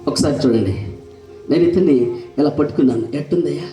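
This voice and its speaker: A male pastor preaching a fervent sermon, with shouted blessings and rhetorical questions, in an echoey hall with faint music behind. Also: a little high, big pitch swings, normal speed, distant mic.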